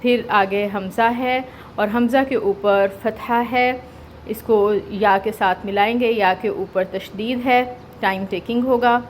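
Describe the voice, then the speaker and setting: A woman with a Pakistani Urdu accent, teaching Quran recitation step by step and checking in often with the listener, drawing the verses out slowly when she recites. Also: a little high, steady tone, a little hiss or hum. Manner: explains step by step, checks with "theek hai"; slow drawn-out recitation of verses.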